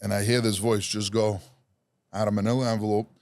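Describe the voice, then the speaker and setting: This man, a Rhode Island native appearing as a podcast guest, spins a long personal tale in a casual, animated, self-deprecating way, voicing each character. His voice sits on the low side and he speaks a little fast. There's no echo.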